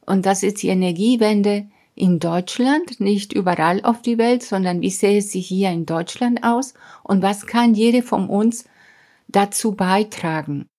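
A woman astrophysicist talks in an interview at an ordinary, middle pitch. She explains earnestly and steadily, dropping in small "ja?" checks and making the odd non-native grammar slip. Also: unhurried, mellow. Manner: earnest, explanatory, with emphatic asides like "ja?". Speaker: astrophysicist and science educator, podcast guest.

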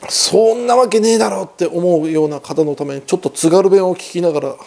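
A man's voice: high-pitched, brisk, gravelly, mellow. A man hosting a casual news commentary, chatty and opinionated, with a lilt and rhetorical questions.

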